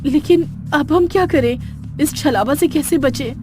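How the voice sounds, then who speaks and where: A woman voicing a worried young wife in an animated horror story, asking anxious questions. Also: high voice, a little slow, over music.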